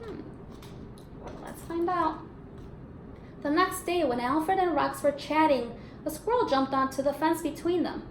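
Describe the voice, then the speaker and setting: Here a woman teacher reads a storybook aloud to young children, bringing expression to it while prompting them with questions and affirming their replies. She speaks in a high voice, unhurried, pausing often. The room sounds echoey, with faint noise in the background.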